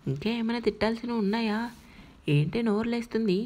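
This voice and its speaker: A woman's voice: on the high side, fairly quick, mellow, close to an everyday voice. A woman voicing an angry young husband, harsh and scolding in a dramatized audiobook reading. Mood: furious.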